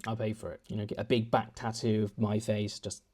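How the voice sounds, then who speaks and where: A man's voice: on the low side, completely flat delivery, a little fast, darkish tone. A young man chatting at home in a casual vlog, rambling and self-deprecating with many restarts. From United Kingdom. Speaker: vlogger. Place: home, indoors.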